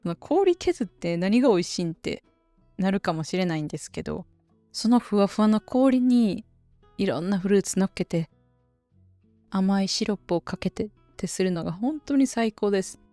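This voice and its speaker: A woman with a Kansai Japanese accent hosting a casual solo podcast for Japanese learners, chatty and relaxed. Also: medium pitch, normal speed, no room sound, soft background music. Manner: chatty and relaxed, dialect-heavy. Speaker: podcast host teaching Japanese.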